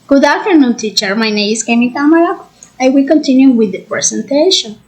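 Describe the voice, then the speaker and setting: A woman giving a student presentation in class, reading from her notes in a halting way. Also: high-pitched, expressive, a little mellow, poor audio.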